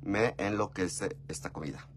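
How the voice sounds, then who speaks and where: A man with a Mexican Spanish accent tells a story in a chatty, gossipy way, often calling the listener "mi amor". His voice sits fairly low but leaps up in pitch and loudness as he gets excited. A faint hum runs underneath. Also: normal speed. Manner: expressive, with big jumps in pitch and volume. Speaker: vlogger. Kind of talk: casual storytelling chat.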